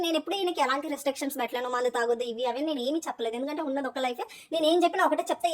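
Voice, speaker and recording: Fast-talking high-voiced Telangana woman. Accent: Telangana Telugu. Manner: chatty, rapid storytelling with English words mixed in. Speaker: vlogger. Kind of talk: casual voice-over vlog narration.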